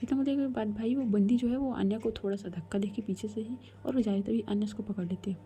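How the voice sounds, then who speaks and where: A woman's voice: medium pitch, fast, dark tone, a little hiss or hum. A woman storyteller telling a romance in a casual, chatty way as a whispered role-play, voicing both heroines' lines herself.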